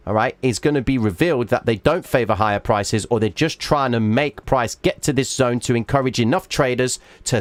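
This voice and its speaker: A male trading livestream host walks viewers through a chart, frequently pausing to ask "all right?" His pitch is average for a man, and his voice is starting to give out. The audio is dry and close-miked, with no room echo.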